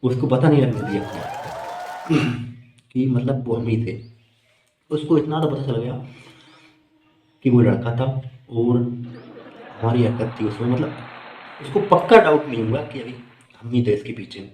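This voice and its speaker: A man's voice: medium pitch, unhurried, pauses often, darkish tone, reverberant, slight background noise. Amused man telling a comic story. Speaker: stand-up comedian. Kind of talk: storytelling stand-up.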